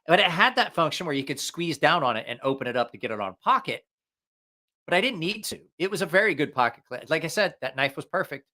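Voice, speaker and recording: A man chats off the cuff as a livestream host, with a bright, forceful voice that sits a little high. His delivery is very animated, jokey and profane, and he wanders between thoughts. He sounds slightly stuffed up and short of breath. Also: fast talker. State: congested with allergies, short of breath. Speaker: livestream host reviewing knives. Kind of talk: casual rambling livestream chat.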